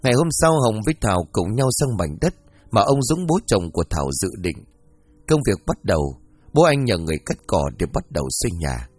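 A man narrating a story as an audiobook, reading in a lively, expressive way. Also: lowish voice, brisk, slightly rough, dry recording, soft background music.

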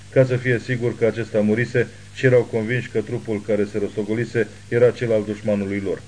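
A man narrating an audiobook novel with steady, measured reading. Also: lowish voice, low-quality recording. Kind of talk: scripted narration.

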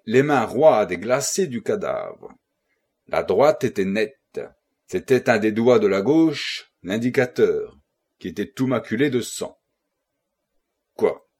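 Husky-voiced man narrating an audiobook. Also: mid-range voice. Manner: expressive, dramatic reading. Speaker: audiobook reader. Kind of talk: first-person novel narration.

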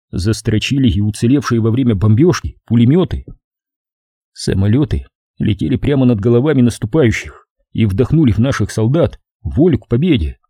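A man's voice: mid-range voice, dark tone, slightly rough, no echo, studio quality. A man reading a war novel aloud as dramatic audiobook narration. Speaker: audiobook reader.

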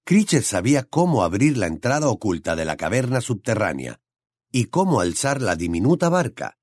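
A man reading a novel aloud as an audiobook narrator, dramatic and expressive. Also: mid-range voice, moderate pace, no room sound, clean studio sound.

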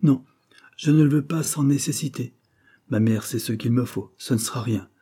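Man reading as a sarcastic teasing young guy, grumbly, dark husky voice. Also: medium pitch, normal speed, voice pushed up, natural voice. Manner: mocking, half-grumbling.

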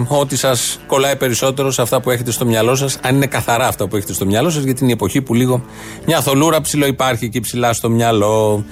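A man hosting a satirical news show, reading items in a mock-serious, sarcastic way. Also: medium pitch.

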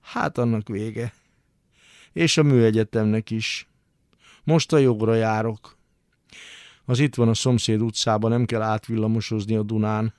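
A man voicing a brash, cocky young male survivor who talks roughly and teasingly, in a literary radio reading. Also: on the low side, steady tone, pauses often, darkish tone, no echo, studio quality, natural voice. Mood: boastful. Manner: rough, teasing, swears casually.

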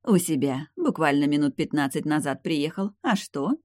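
A gentle, kindly mother from an audiobook, as a male reader puts her on, speaking in a raised, soft voice. The recording is dry and close. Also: on the high side, animated, moderate pace, dry recording, lightly acted. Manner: warm and gentle.

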